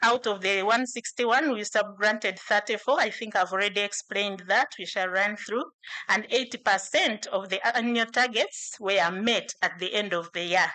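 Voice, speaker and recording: A woman's voice: mid-range voice, normal speed, bright, forceful tone, low-quality recording. A woman giving a conference presentation from slides at a podium, with fillers and self-corrections. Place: large conference hall.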